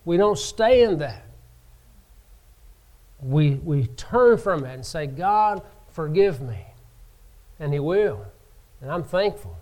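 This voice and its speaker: A man preaching a sermon from the pulpit, slow and emphatic, rising in pitch and volume to stress his points. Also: sing-song, a little mellow. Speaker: pastor.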